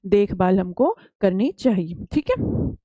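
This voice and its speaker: Low-voiced woman teacher, dry sound. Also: very animated, dark tone, no room sound, dull audio. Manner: reads English slide lines slowly, then explains in Hindi; calls students beta and asks them questions. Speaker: science teacher. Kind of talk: classroom lesson explaining slides.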